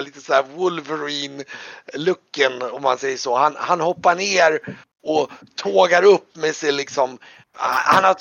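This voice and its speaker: A man's voice: on the high side, creaky, fairly bright tone, no room sound. A man narrating as game master of a tabletop role-playing game, with many fillers and hesitations. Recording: muffled lo-fi recording.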